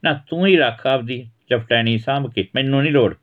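A man's voice: mid-range voice, a little fast, distant mic, phone-quality sound, pitched above the performer's own voice, lightly acted. A man voicing a village mother who nags and scolds sarcastically in a storybook reading. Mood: scolding. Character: sharp-tongued village mother.

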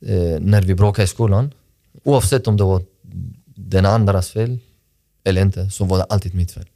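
With a deep, dark voice and clean, echo-free studio sound, this podcast guest recounts his past. He works as a sports director, is not a native Swedish speaker, and comes across as earnest and reflective, often starting his sentences over.

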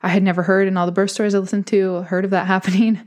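Talking very fast in a mid-range, darkish voice with little pitch movement, a young podcast host shares her birth story. It's casual and personal: she's frank and chatty, laughs frequently, and mimics voices whenever she quotes someone.

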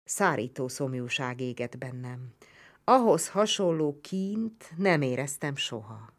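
A woman with a low voice reads a historical novel aloud as an audiobook. Her delivery is measured and grave, as fits a first-person story. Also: lively intonation. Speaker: audiobook narrator.

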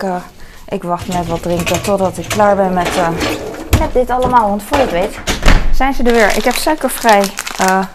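A woman's voice: mid-range voice, background noise. A middle-aged woman chatting casually in her home kitchen, rambling with many fillers. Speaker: vlogger. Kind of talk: casual vlog chat. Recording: clattering dishes nearby. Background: clinking dishes and cutlery.

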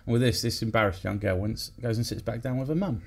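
A man co-hosting a casual podcast, rambling through a joke with hesitations. His voice has a gravelly, creaky edge at a middling pitch. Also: quick pace. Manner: rambling, hesitant with fillers and restarts. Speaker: podcast co-host. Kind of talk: casual chat and joke-telling.

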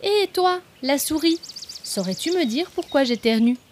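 Small eager storybook bee with a high, bright voice, a woman putting it on. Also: lively intonation, measured pace, a little hiss or hum. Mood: curious. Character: small sneezy young female bee.

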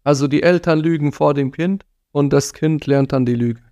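A man's voice: fairly high pitch, normal speed, a little mellow, no room sound, studio quality. A man giving an earnest religious talk on parenting, admonishing his listeners and sprinkling in Arabic phrases. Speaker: preacher.

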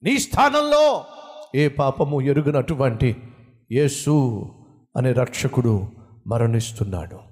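A man playing a solemn male jail warden who speaks slowly and gravely, inside a sermon. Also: mid-range voice, expressive, a little mellow, long reverb tail, voice pushed down.

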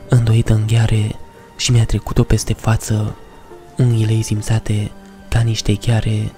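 A man reads a first-person horror story in a dark, mellow voice, keeping his pitch low and even. His delivery is measured and somber, with soft music behind him. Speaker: narrator.

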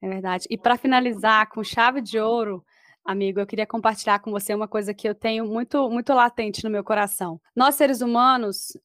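A woman's voice: a little high, fairly even intonation, a little fast, fairly bright tone, dry recording, clean studio sound. A woman hosting a podcast, speaking in an affirming, heartfelt way. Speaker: podcast host. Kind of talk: podcast talk.

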